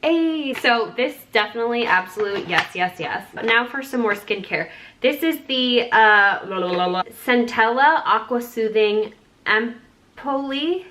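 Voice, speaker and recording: A woman's voice: on the high side, lively intonation, measured pace, sharp tone. A young woman who grew up in Singapore, chatting in a bubbly, gushing way as she unboxes skincare products for her channel. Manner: bubbly, chatty, lots of "like" and "oh my God". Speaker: beauty YouTuber. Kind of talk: sponsored skincare unboxing vlog.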